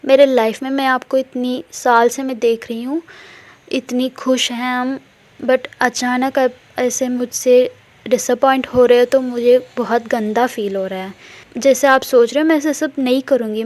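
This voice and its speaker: A woman's voice: on the high side, darkish tone, close to an everyday voice. A woman voicing a remorseful young wife who pleads with her partner for forgiveness, mixing English words into her talk, in a casual storytelling style. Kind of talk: casual retelling of a love story.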